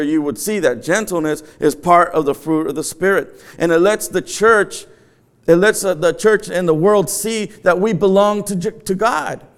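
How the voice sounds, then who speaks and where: A middle-aged man preaches in an empty sanctuary, his voice a touch high and smooth with clean resonance. He speaks earnestly, circling back to repeat his main points for emphasis. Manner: earnest, repeats key phrases, chuckles between points. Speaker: pastor. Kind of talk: sermon.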